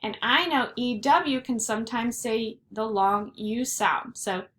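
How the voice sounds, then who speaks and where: A woman teaching a phonics lesson to first graders, sounding out letters slowly and clearly. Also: fairly high pitch, a bit bright. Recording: echoey room with faint noise.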